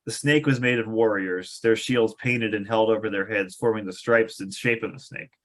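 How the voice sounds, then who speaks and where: Reading out a film script's stage directions at a table read, this man sounds amused and sardonic, tossing in wry asides. He has a fairly low pitch and a steady, fairly bright tone, and he speaks at a normal speed.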